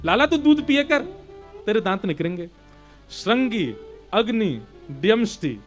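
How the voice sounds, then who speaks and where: A man's voice: high voice, big pitch swings, measured pace, faint music behind. A man preaching a devotional sermon, telling a story animatedly with rustic dialect words. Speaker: katha preacher.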